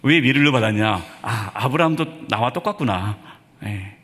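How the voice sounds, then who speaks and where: A man's voice: medium pitch, lively intonation, normal speed, fairly bright tone. A male pastor delivering a Sunday sermon in a church, asking the congregation one rhetorical question after another. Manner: preaching with many rhetorical questions. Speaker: senior pastor. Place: church sanctuary. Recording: reverberant church hall.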